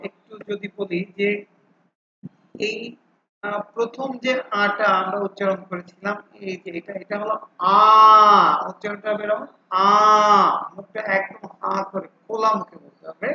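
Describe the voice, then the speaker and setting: A man's voice: sits high, sharp tone, slight background noise. A man teaching phonics, explaining each vowel and repeating the sounds over and over for drill, with English terms mixed in. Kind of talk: explaining a lesson. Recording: echoey room, dull lo-fi sound.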